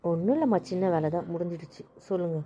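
A cheeky young wife who talks back and sighs with exasperation , as a woman acts her. Her tone is mellow and warm. It is an amateur audio drama. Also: fairly low pitch, expressive, very fast, a little hiss or hum, natural voice.

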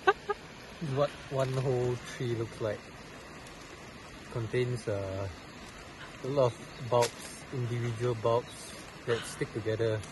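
A young man chatting casually and explaining things slowly, recorded outdoors in woodland by a stream on a camera held nearby. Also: medium pitch, steady tone, noisy background. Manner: slow, unhurried explaining. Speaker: vlogger's companion. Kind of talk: casual chat. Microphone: camera nearby, held by someone else.

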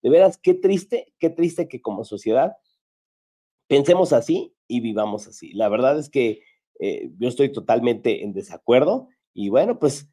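A Mexican man hosting a casual talk show, recounting what he saw on the job. His voice is dark and mellow at a middle pitch, and he talks with frequent fillers and false starts. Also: lively intonation, moderate pace. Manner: storytelling, many restarts and fillers. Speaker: show host, paparazzo. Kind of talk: casual chat.

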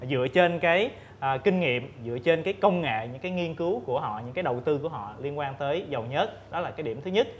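A man in his thirties, a guest expert on a studio panel, explaining methodically with frequent pauses and fillers, on a lapel mic. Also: fairly high pitch, a little hiss or hum. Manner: measured, explains step by step with many fillers. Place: indoor TV studio set.

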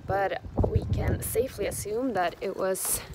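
There's heavy background noise as a young adult woman, medium-pitched and unhurried, chats upbeat into her phone held at arm's length. Her casual travel vlog, full of fillers, is filmed on a sailing boat's cabin and open deck, with music playing underneath.

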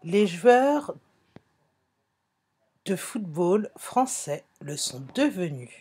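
A woman's voice: on the low side, big pitch swings, drawn-out words, mellow, slightly rough. A woman teaching a phonics lesson to young children, speaking patiently, repeating herself and correcting small slips.

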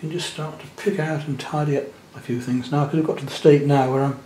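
A man, gently talking through a watercolour demonstration as he paints, thinking aloud in a chatty way. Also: a little high, steady tone, fast talker, echoey room, a little hiss or hum. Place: indoor studio at the easel.

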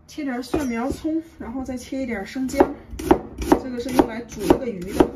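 A woman's voice: high-pitched, fairly quick. A woman in her thirties narrates cooking steps informally, like a home vlogger. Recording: faint background noise.

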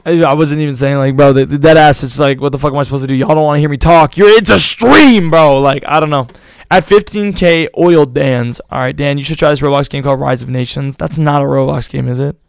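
A man's voice: medium pitch, fairly even intonation, fast, gravelly, few pauses, smooth, no echo. A young man streaming live, rambling casually to his chat in slangy talk, his voice a little worn out.

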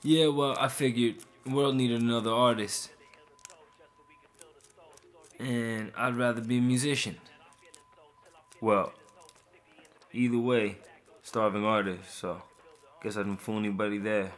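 A man's voice: medium pitch, flat delivery, a little slow, long pauses, natural voice. A man in a short film, trading sardonic, profane banter and narrating in voice-over.

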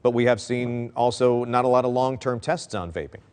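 A middle-aged man anchoring a studio news segment, asking brisk, friendly questions. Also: mid-range voice, darkish tone, smooth.

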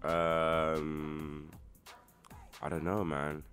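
Very deep-voiced East London man. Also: completely flat delivery, very slow, a bit bright, soft background music. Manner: laid-back storytelling with slang. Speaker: rapper guest. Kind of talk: casual interview chat.

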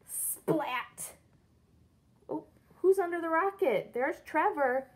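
This thirties-aged teacher's voice is extremely high and slow as she reads a picture book expressively for little kids. She keeps her explanations simple and asks the children questions. The setting is a small indoor room with a brick-patterned wall.

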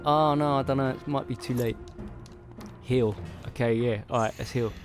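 A man's voice: medium pitch, fairly even intonation, normal speed. A man giving casual, chatty commentary as he plays a game, laughing and muttering to himself. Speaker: gamer playing solo. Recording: game music playing faintly behind. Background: faint game music.

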